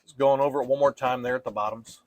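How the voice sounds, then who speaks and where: A man teaching painting step by step in a casual, gentle and reassuring way, like an easygoing instructor. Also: mid-range voice, steady tone, fast talker, no echo.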